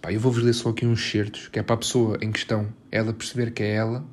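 A man's voice: lowish voice, little pitch movement, fast talker, a little mellow, a little hiss or hum. A young man with a European Portuguese accent hosting a solo podcast from his bedroom, talking in a sarcastic, exasperated, mock-dramatic way. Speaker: podcast host.

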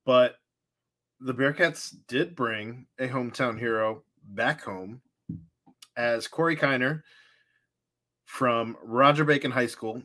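Male host, mid pitch, conversational sports rundown, easy laugh. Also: slow pace, long pauses, a bit bright. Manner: steers the talk, rundown of college football news, laughs easily. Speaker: podcast host. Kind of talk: casual sports chat.

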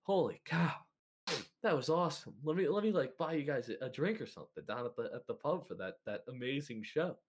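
A young man voicing a loud, cheerful male bard who speaks in an excited, boisterous way. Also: medium pitch, a little fast, voice pushed up, natural voice.

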